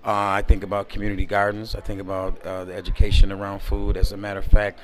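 A man answering interview questions in a relaxed, rambling way, full of fillers, recorded close to a camera indoors at a community event. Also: on the low side, fast. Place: indoor event space by a window at night.

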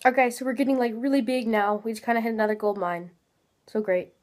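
Talking fast in a fairly high, steady, slightly mellow voice, a teen gaming channel host delivers rambling, chatty gameplay commentary full of fillers. She is congested and a little nasal, recording on a webcam in a small room indoors at home, with soft background music behind her.

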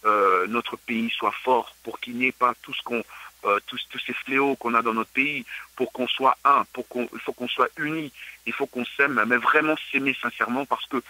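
A man's voice: mid-range voice, steady tone, moderate pace, bright, forceful tone, no echo, poor audio. A man from Congo speaking earnestly as a radio guest and repeating words as he searches for them. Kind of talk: interview answers.

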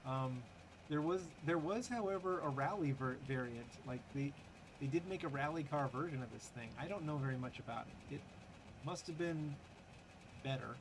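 A man's voice: on the high side, moderate pace, noisy background. A man hosting a gaming channel, giving casual, chatty commentary over gameplay with wry, sarcastic asides and lots of fillers.

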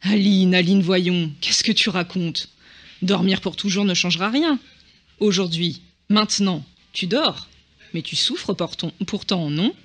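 A man voicing a huge male dragon in a storybook reading, gently concerned and coaxing. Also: high voice, unhurried, heavily acted. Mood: gentle. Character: huge pink male dragon, deep, warm, protective.

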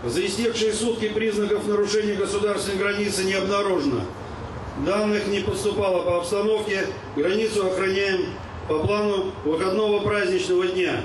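A middle-aged man giving a military parade-ground address, loudly barking commands like a drill sergeant. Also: high-pitched, steady tone, a little fast, background noise. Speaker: ceremony leader reading a military roll call. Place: outdoor square, stand microphone. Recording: echoing distant PA with music behind.

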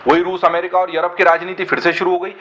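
A man's voice: high voice, flat delivery, fast, pushed and bright, slight background noise, low-quality recording. A man giving earnest, argumentative commentary in a web discussion, often asking rhetorical questions.

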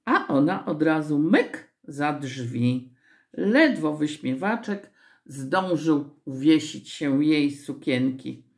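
Woman reading a children's story aloud, low gravelly voice, animated pitch, unhurried pace. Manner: expressive, slow storytelling.

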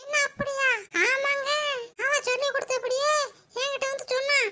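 In a very noisy recording, a woman uses a very high, monotone voice at a moderate pace to portray a boastful, gossipy village woman from Tirunelveli, complete with Tamil accent. The character is scolding and sharp-tongued, breaking into dramatic wails.

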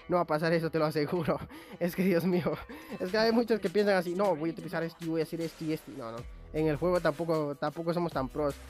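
A young man giving excitable, chatty live commentary on his own gameplay. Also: sits high. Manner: excitable, chatty, swears lightly while playing. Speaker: gaming YouTuber.

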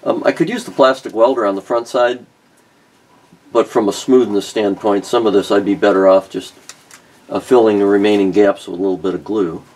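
This car restoration vlogger, a middle-aged man, moves briskly as he narrates a repair at his home workbench, casually thinking out loud and often restarting or saying um. The recording is poor, but his lowish voice stays steady and slightly mellow.

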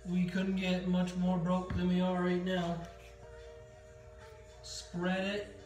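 Soft music plays behind a young man who speaks slowly in a high voice while vlogging from his small apartment. He leads a stretching routine and jokes around as he makes a sandwich, staying relaxed and easygoing throughout.

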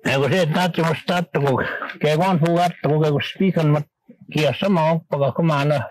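An older man from Manitoba, Canada, a guest on a radio interview, recalling old times in a rambling, halting way with many restarts. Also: on the high side, no room sound, low-quality recording.

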